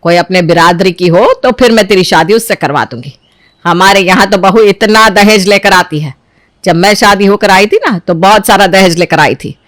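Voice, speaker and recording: A woman voicing a greedy, dowry-proud middle-aged mother-in-law in an animated storybook drama, boastful and coaxing by turns. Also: medium pitch, moderate pace, no echo, clean studio sound, natural voice.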